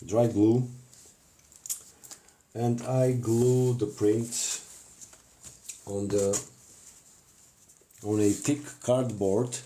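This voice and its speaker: A man with a Bulgarian accent hosts a casual live crafting demonstration, speaking haltingly with lots of fillers and restarts. His mid-range voice has a dark tone, and there is slight hiss or hum.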